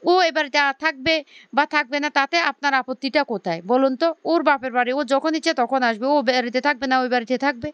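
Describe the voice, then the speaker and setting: A woman's voice: high voice, fast talker, fairly bright tone, dry recording, lo-fi sound. A woman reading the lines of an angry, protective older brother in a family story. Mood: indignant.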